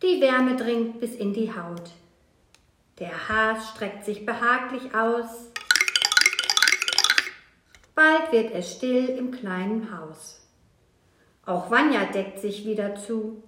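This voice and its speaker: A woman reading a rhymed children's story aloud, slow and measured, in a steady verse rhythm. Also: on the high side, over music. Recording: echoey room, faint noise.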